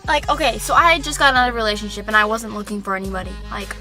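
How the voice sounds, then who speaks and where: A woman's voice: medium pitch, very fast, bright, forceful tone, faint music behind. A young woman telling a story on her vlog in a chatty, indignant way, saying "like" often. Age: young adult. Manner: chatty, heavy use of "like". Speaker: vlogger. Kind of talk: casual story-time vlog.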